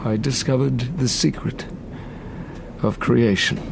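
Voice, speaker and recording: An actor playing Victor Frankenstein, an obsessed, haunted young scientist, speaking with formal, literary intensity in an audio drama. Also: male voice, medium pitch, steady tone, slow, gravelly, background noise. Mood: grave, intense. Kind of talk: audio drama acting, first-person narration and dialogue.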